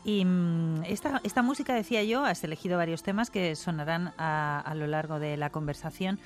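A woman hosts a radio interview in Spanish, speaking in a slightly low voice. Her manner is warm and playful. Faint film score plays quietly beneath her. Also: moderate pace. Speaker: radio host. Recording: soft music playing underneath.

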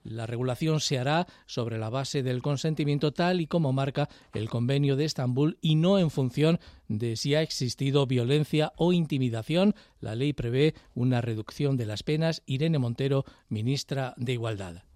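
A man reading the news as anchor in a steady, formal way. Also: medium pitch, normal speed, no echo, clean studio sound. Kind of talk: read news bulletin. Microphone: studio mic.

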